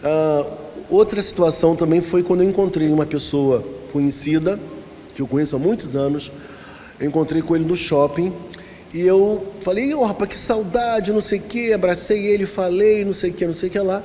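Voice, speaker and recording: Brazilian pastor in a reverberant church hall. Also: male voice, a little high, fairly even intonation, fairly quick, warm tone, a little hiss or hum. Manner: asks the congregation questions and tells anecdotes. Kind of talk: conversational Bible-study lesson.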